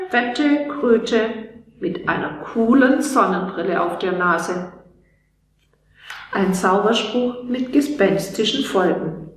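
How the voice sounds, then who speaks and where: A woman reads a children's bedtime story in a gentle storybook manner. Her voice sits fairly high and her pace is slow. A strong room echo surrounds her. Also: distant mic. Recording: echoey room.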